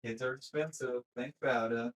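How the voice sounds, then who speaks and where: A man's voice: mid-range voice, fairly even intonation, poor audio. Brief: mid-voiced man, gaming coach, foul-mouthed banter, plain step-by-step explanations. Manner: profane, joking, mocking impressions; explains in quick, plain steps. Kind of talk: casual chat.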